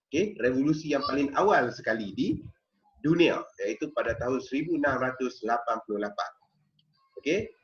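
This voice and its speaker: Teacher lecturing a class. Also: male voice, mid-range voice, fairly bright tone, muffled recording. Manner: explanatory, checks in with frequent "okey?" and "ha?". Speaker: history teacher.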